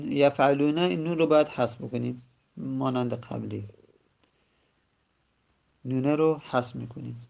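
A man gives a grammar lesson in a slightly high, gravelly voice. He repeats each example and stretches it out slowly. Hesitant fillers break up his explanations. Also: darkish tone. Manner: slow, repeats words and drawls examples. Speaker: teacher.

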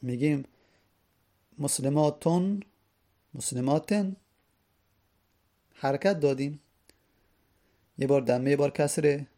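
Man teaching grammar, gravelly mellow voice. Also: medium pitch, little pitch movement, pauses often. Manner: methodical, repeats each rule and example; reads Arabic text aloud then explains it in Persian. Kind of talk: classroom lesson explaining grammar.

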